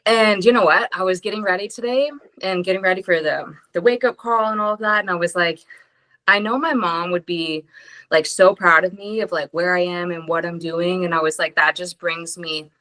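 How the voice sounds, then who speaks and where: A woman with a bright, forceful, slightly low voice talks upbeat and encouraging. She shares her gratitude with the group on a video call, often saying "like". Her tone stays positive and open. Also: fairly even intonation, normal speed, rough recording. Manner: upbeat, warm, encouraging, with many "like"s. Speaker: call participant. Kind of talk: personal sharing in a group call.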